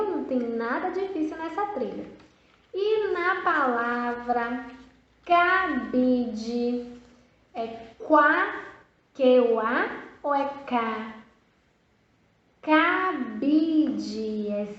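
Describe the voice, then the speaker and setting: A woman teaching a video lesson for young children, modeling words slowly and drawing out each one with sing-song prompts. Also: high voice. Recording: echoey, dull lo-fi room sound.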